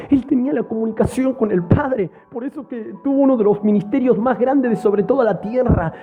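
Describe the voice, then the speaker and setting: A man with a very high voice preaches with fervor, hammering home each point through repetition. He keeps turning to speak directly to whoever is listening. The sound is thin and tinny, like a phone line. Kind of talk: sermon.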